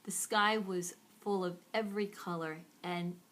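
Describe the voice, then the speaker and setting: A woman's voice: on the low side, fairly even intonation, measured pace, a bit bright. A woman telling a first-person story in a wry, playful, self-mocking way.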